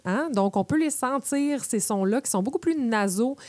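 A woman with a Québécois accent talks on the radio in a playful, chatty way, explaining with examples. Her voice is warm and mellow. The recording is dry and close. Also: on the high side, expressive, moderate pace, no echo. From Quebec. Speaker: radio columnist.

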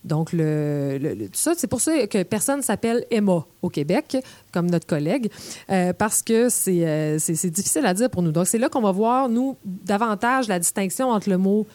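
Une femme québécoise à l'accent québécois, qui présente de façon enjouée les sons de sa langue et les illustre par des exemples. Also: female voice, mid-range voice, expressive, normal speed, dark tone, dry recording. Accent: Québécois French. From Quebec. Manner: playful, demonstrates sounds with examples. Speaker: presenter. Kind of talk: explanatory talk on language.

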